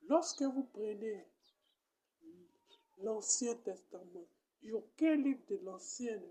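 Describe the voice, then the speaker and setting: A woman with an Ivorian French accent, a comedian giving a mock Bible lesson and repeating each point slowly like a teacher. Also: mid-range voice, warm tone, a little hiss or hum.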